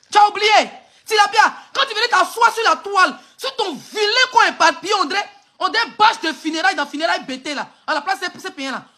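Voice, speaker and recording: A woman's voice: high-pitched, sharp tone. A woman with an Ivorian French accent on a phone live stream, hurling insults and mocking laughter in an angry rant.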